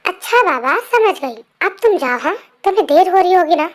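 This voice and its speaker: A woman voicing a patient, gentle pregnant wife in a fan story narration, speaking soothingly. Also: very high-pitched, lively intonation, moderate pace. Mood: gently chiding. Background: faint music.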